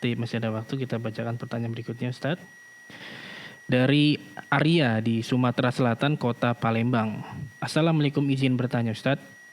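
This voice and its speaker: Male moderator reading out viewer questions, polite and formal, mid pitch, faint hum under him. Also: fairly even intonation, brisk. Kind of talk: reading questions aloud on a live broadcast.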